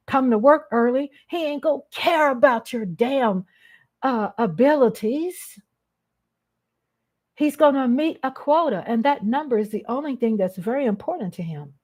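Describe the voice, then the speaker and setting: Speaking without a script on her own live-stream vlog, this woman is blunt and emphatic and swears casually. Her voice is a bit high with a darkish tone.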